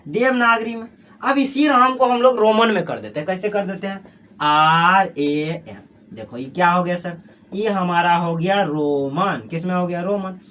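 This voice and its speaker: Man, Bihari Hindi accent, high-pitched, grammar teacher, self-answering questions, many fillers. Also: fairly bright tone, slight background noise. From Bihar, Mithila region. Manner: asks and answers his own questions, heavy filler "jo hai". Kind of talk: exam-prep grammar class.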